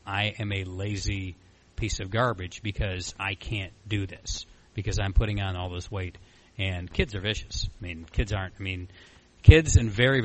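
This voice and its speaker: A man of about forty-five shares his story at a recovery meeting in a rambling, candid and self-deprecating manner. His pitch is fairly low and the recording is rough.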